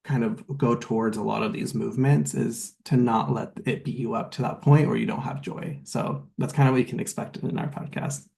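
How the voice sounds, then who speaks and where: A man's voice: medium pitch, fairly even intonation, fairly quick, vocal fry, hardly any pauses, darkish tone. A man who hosts a podcast, talking casually and playfully in a virtual panel discussion over a video call. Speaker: podcast host.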